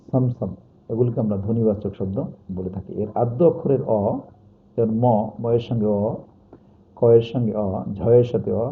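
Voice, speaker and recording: A male teacher gives a pronunciation lesson at a slow, repetitive pace, reading out one example word after another. His voice sits at a middle pitch. The sound is thin and tinny, like a phone line.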